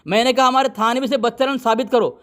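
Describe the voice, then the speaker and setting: A very high-pitched man argues in a heated religious debate. He is combative and commanding, orders his opponent to be silent again and again, then reads citations point by point. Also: steady tone, fast talker, fairly bright tone.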